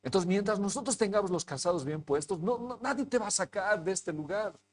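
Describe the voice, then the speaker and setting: A man, a pastor, tells a personal story in a sermon, acting out the dialogue, and rises into forceful preaching. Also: high voice, a little fast. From Bolivia.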